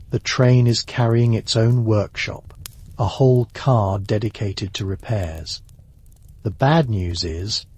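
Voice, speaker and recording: A man narrates a slow sleep story in a low, husky murmur. Each phrase comes unhurried and soft, with long pauses. The sound is close and dry, with no room around it. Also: dry recording. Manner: slow, soft, measured second-person storytelling.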